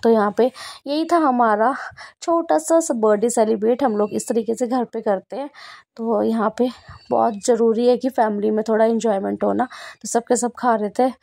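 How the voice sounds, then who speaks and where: A woman's voice: on the high side, fairly even intonation, moderate pace, vocal fry, a little mellow, dry recording, clean studio sound. A young woman narrating her family vlog in a chatty way, often laughing as she talks. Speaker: vlogger. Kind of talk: casual vlog voice-over narration.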